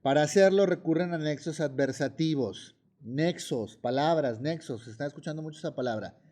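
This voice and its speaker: Mexican-accented teacher with a mellow voice. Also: male voice, a little high, normal speed. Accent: Mexican Spanish. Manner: explains with examples, checks understanding with "¿sí?". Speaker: high school teacher. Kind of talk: classroom grammar lesson. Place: classroom.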